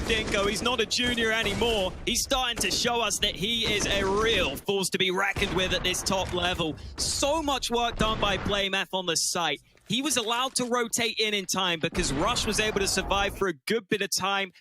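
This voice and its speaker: A man's voice: sits high, moderate pace, hardly any pauses, background noise. A man working as an esports analyst caster, explaining plays and players in live match commentary.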